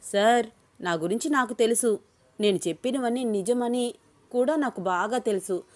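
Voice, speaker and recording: Ananya, a woman reading as a lively young woman. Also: fairly high pitch, moderate pace, natural voice. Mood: insistent. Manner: lively, indignant protests. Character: young woman, lively, quick-tongued office worker. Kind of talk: storybook reading.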